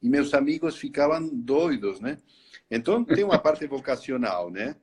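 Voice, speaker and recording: With a crowd audible behind him, a middle-aged Argentine man talks at normal speed in a mid-range, sing-song voice over a video call. A native Spanish speaker with an Argentine Spanish accent, he's a live interview guest relating his story. He hesitates a lot, restarts phrases, and says "né?" again and again.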